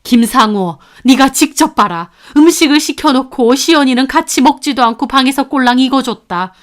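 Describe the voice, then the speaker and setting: A woman voicing an angry grandmother who shouts and scolds her grown son in a dramatized story. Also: high-pitched, unhurried, pitched above the performer's own voice. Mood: furious scolding.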